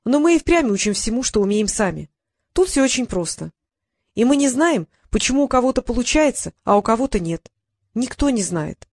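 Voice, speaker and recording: Storybook role: a lively, higher-pitched mermaid sorceress, proud and eager, read by a woman. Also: normal speed. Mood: earnest. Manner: animated, eager. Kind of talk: audiobook narration.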